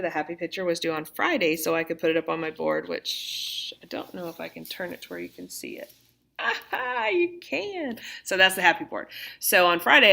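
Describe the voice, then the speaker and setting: A laid-back woman teacher speaks to parents from her classroom through a computer webcam. Her voice sits on the low side yet has a bright, crisp edge. She keeps things chatty and reassuring. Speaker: middle school teacher. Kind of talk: casual talk to parents.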